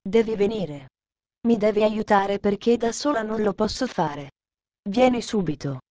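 A woman voicing an eager little mountain girl, bold and warm, who talks in an urgent, insistent way. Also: medium pitch, lively intonation, measured pace, dry recording, lightly acted.

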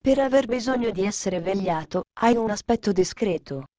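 A woman voicing a kindly male doctor who speaks gently and calmly, in a storybook reading. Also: medium pitch, no echo, natural voice. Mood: gentle. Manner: gentle, soothing, unhurried.

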